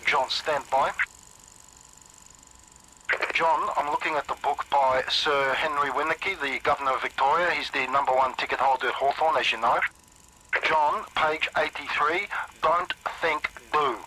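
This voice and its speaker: An actor playing a secretive male speechwriter who calmly coaches a speaker, repeating short instructions. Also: a little high, normal speed. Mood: instructing. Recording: noisy old dictation tape.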